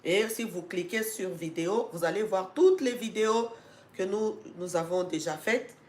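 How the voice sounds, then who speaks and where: An educational channel's host, a woman with a mid-range voice and a cold that leaves her congested, addresses live-stream viewers at a moderate pace from an echoey room. Her talk is packed with fillers and restarts, turning emphatic and urgent at moments.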